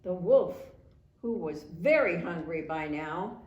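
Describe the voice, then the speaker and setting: A woman narrating a children's storybook in a slow, unhurried read-aloud. Her pitch moves expressively through each line. The recording has a noticeably echoey room sound. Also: animated, distant mic, highs cut off.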